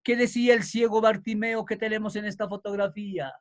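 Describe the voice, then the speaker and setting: A man preaching a sermon in an emphatic way, building up to fervent shouting. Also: sits high, little pitch movement, fairly quick.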